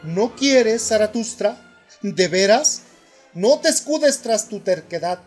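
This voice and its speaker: A man's voice: sits high, lively intonation, takes it slowly, soft background music, heavily acted. Man reading a stern voiceless inner voice. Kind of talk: audiobook reading.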